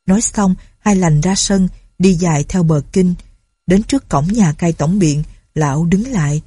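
A woman reading a story aloud in a steady, low-key way. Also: a little slow, breathy edge, no room sound, studio quality. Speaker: narrator. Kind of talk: storybook narration.

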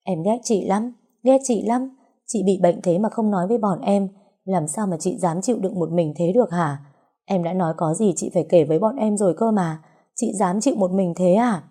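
Woman voicing a loud, cheeky young woman, blunt and bickering, dark low tone. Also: a little fast, lightly acted. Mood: tearful.

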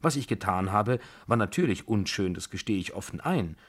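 A man's voice: on the low side, animated, normal speed, husky. A man voicing a nervous, overwrought young tutor who justifies himself at length in a radio drama reading. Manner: overwrought, self-justifying, wordy.

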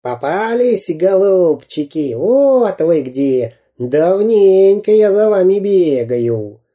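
A man voicing a sneaky male spy villain in a storybook reading, shrill, screeching and taunting, drawing his words out. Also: sing-song, takes it slowly, mellow, exaggerated voice.

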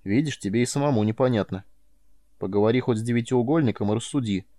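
A man reading an audiobook voices a calm, patient male alien mentor who speaks in a dry, measured way. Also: mid-range voice, no echo, natural voice.

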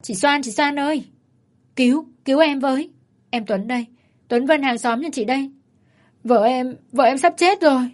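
Woman voicing a frantic young husband yelling. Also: high-pitched, moderate pace, pauses often, voice pushed up, close to an everyday voice. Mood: frantic shouting. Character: young husband desperately shouting for help.

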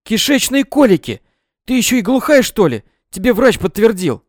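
A man voicing a loud, domineering middle-aged mother who scolds and plays up her drama. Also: big pitch swings, fairly quick, no room sound, clean studio sound. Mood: shrill scolding. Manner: shrill, scolding, melodramatic.

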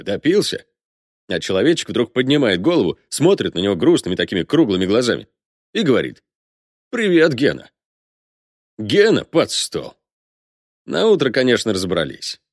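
A male audiobook narrator telling a tale in an easy, colloquial way. His low voice moves expressively up and down. The recording is close and dry. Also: no echo. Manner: colloquial storytelling.

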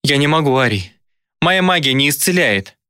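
Man playing a female demon, higher voice, pleading, despairing, audiobook scene. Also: moderate pace, pushed and bright, husky, no echo, clean studio sound. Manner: pleading and desperate. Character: anguished female demon, fierce but tender protector.

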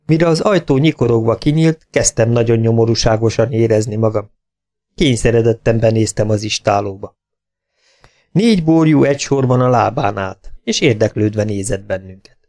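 A man reads aloud an audiobook in a calm, even way. His voice sits in the middle of the male range and keeps a steady storytelling pace. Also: medium pitch. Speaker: audiobook narrator. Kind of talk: scripted audiobook narration.

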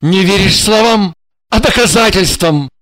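A woman's voice: medium pitch, a little slow, fairly bright tone, no room sound, natural voice, rough recording. Woman doing a desperate pleading husband voice, begging, urgent, dry sound.

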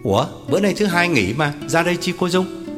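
A man voicing a chummy middle-aged salesman in an audio story, coaxing and friendly, pitched up a little. Guitar music and a long reverb surround him. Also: expressive, a little fast, natural voice.

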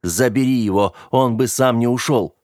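A man's voice: mid-range voice, moderate pace, darkish tone, no room sound, studio quality, lightly acted. A man doing an urgent, commanding young man. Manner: urgent, commanding, forced cheer.

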